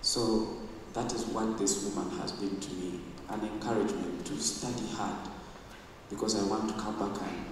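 Young Ugandan man, halting eulogy in echoey church. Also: lowish voice, distant mic, noisy background. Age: young adult. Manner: halting, searching for words. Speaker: grandson giving a eulogy. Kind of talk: funeral eulogy. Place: church hall. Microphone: handheld mic.

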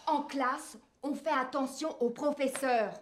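High-pitched, exclamatory café owner. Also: female voice, steady tone, unhurried, a little hiss or hum. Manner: fussy, scolding, exclamatory. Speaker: café owner in a language-course drama. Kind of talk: scripted drama dialogue. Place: café, indoors and on a terrace.

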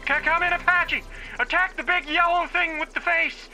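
A man's voice: very high-pitched, steady tone, moderate pace, sharp tone, soft background music, pitched above the performer's own voice, exaggerated voice, rough recording. A man voicing a radio dispatcher calling a helicopter pilot, his voice run through an AM radio filter, in clipped military radio talk. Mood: commanding. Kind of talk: gameplay commentary.

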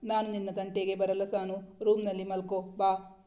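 A man reading a gentle pleading young husband. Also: sits high, completely flat delivery, moderate pace, close to an everyday voice.

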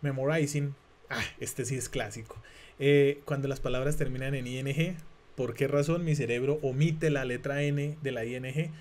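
A native Spanish speaker from Latin America teaches an English exam lesson in a casual online class. His medium-pitched voice moves at a normal speed. Relaxed and chatty, he thinks aloud with lots of fillers and restarts.

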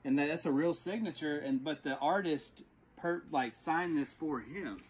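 This Texas man runs a storage unit resale vlog, speaking at a moderate pace in a husky, high-side voice as he sorts an outdoor unit and then sits in his truck, addressing y'all. The recording is low quality with faint background noise.

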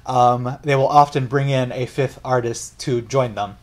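A man's voice: medium pitch, steady tone, a little slow. A young man hosting a casual music reaction and analysis video, chatty and explaining at length while correcting himself as he goes. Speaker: music reaction channel host.

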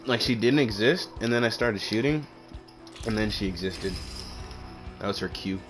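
A man's voice: lowish voice, moderate pace, music in the background. A man chatting casually while gaming, teasing and swearing with his teammate. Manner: joking, swears, teasing banter. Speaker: gamer streamer.

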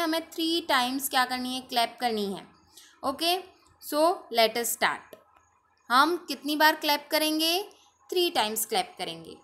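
A woman with an Indian accent teaching an online English class to young children, drilling words slowly one by one and asking her pupils many questions. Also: high voice, sharp tone.

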